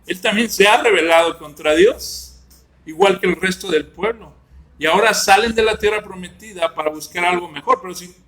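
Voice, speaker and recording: Male Bible class teacher, fairly high, bright voice, chatty and questioning. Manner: conversational, asks the class questions and jokes with students.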